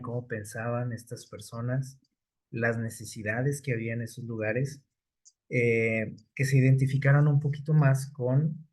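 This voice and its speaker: A man preaching a sermon, unhurried, often pausing on fillers and checking with his listeners. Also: mid-range voice.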